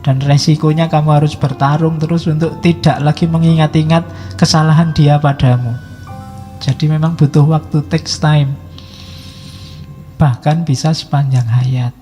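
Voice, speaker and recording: A man's voice: a little high, fairly even intonation, moderate pace, mellow, big-room sound, faint music behind. A man giving a casual philosophy lecture at a mosque study session, acting out quarrels in quoted voices. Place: mosque hall.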